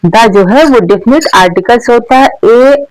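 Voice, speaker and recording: A woman teaching English grammar, asking questions and answering them herself, repeating each point, checking in with frequent "okay"s, and saying the English example words slowly. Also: a little high, darkish tone, no echo, poor audio. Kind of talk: explanatory grammar lesson for learners.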